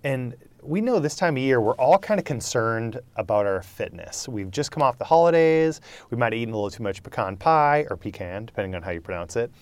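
A man's voice: mid-range voice, very animated, brisk, no echo. A man who is a chaplain, hosting a podcast in an upbeat, friendly way and introducing the topic.

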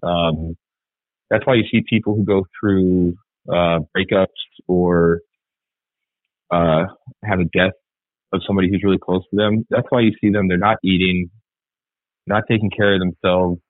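A man's voice: low-pitched, steady tone, normal speed, pauses often, no room sound. A man, an Army sergeant, talking earnestly and reflectively in a candid podcast interview, with fillers and repeats. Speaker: guest, Army sergeant and article author. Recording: tinny phone-like line, dry.

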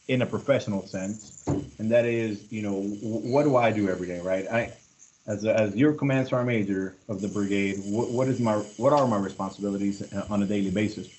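A man in his forties, an army command sergeant major, leading a casual group talk, halting with many fillers and restarts. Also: fairly low pitch, a little mellow, low-quality recording. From born in Mexico, raised in Los Angeles. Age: 40s.

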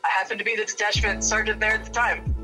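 A woman's voice: medium pitch, fairly even intonation, fast, pushed and bright, soft background music, poor audio. A woman soldier giving unscripted interview answers in a modest, somewhat hesitant way. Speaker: army sergeant interviewee.

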